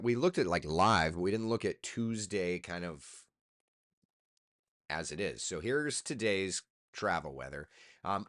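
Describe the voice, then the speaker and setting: Low-pitched and a bit bright, this tired man is a TV meteorologist hosting a live stream. He chats casually while going through forecast maps, loose and talkative, often speaking to himself as he works.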